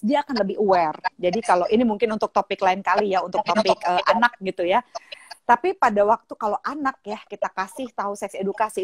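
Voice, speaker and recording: A woman's voice: on the high side, no room sound, studio quality. A woman hosting a casual live-stream chat, telling a story animatedly and often laughing. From Indonesia. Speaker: host.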